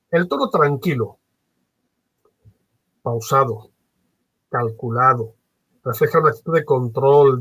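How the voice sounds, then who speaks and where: A man lecturing as a trainer in a workshop, animated and varying his tone on purpose, with many fillers. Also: mid-range voice, slightly rough, no room sound, low-quality recording. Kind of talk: workshop lecture on phone customer service.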